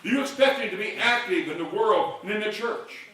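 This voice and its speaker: A man's voice: sits high, expressive, a little fast. Older male pastor in a big echoing church. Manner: builds to loud call-and-response shouts. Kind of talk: sermon. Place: large church sanctuary. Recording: echoey hall from far off.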